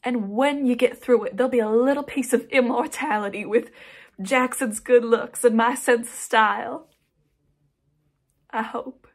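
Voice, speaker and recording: A woman's voice: a little high, fairly even intonation, measured pace. A young woman playing a headstrong daughter in an emotional, insistent dramatic monologue addressed to her mother. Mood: earnest. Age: young adult. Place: small indoor room, plain wall.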